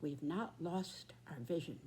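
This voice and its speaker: A very old woman in her nineties speaks very slowly, with a soft, mellow tone on the lower side. She gives a solemn, reflective address in halting phrases, over a faint hum. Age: 90s. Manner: very old person's slow, halting delivery in short phrases.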